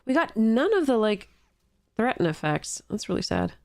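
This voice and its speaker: A woman's voice: a little high, sing-song, moderate pace, a little mellow, no room sound, studio quality. A woman with a congested, stuffy nose, commentating casually and wryly on a game as she streams.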